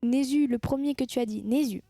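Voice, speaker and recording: A woman's voice: high voice, moderate pace, dark tone, no echo, faint music behind. A woman chatting casually with her viewers on a live stream, teasing them and laughing at her own jokes.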